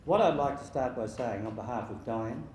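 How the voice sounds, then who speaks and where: A man in his sixties giving an informal wedding speech as father of the bride, halting and jokey with sentimental touches. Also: mid-range voice, expressive, a little mellow. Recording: very echoey room with faint background noise.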